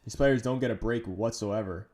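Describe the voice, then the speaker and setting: On a casual live stream, an English-accented host from England chats through a football match and reads viewers' comments aloud. His voice is on the low side and darkish in tone, moving at a moderate pace.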